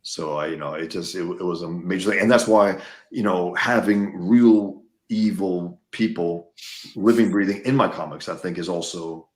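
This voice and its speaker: A man's voice: low voice, moderate pace, reverberant. A man from the United States, a guest in a casual conversation, talking emphatically and repeating words as he gets worked up.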